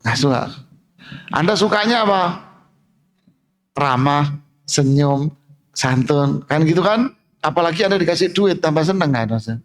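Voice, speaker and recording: A man giving a casual sermon, firing rhetorical questions at the audience and swinging between low asides and sharp exclamations. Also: expressive, unhurried, long pauses. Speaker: Islamic preacher. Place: mosque.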